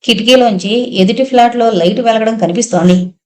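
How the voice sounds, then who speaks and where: A woman's voice: fairly high pitch, a little fast. Woman reading a novel aloud. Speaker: audiobook narrator. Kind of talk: novel read aloud, voicing characters.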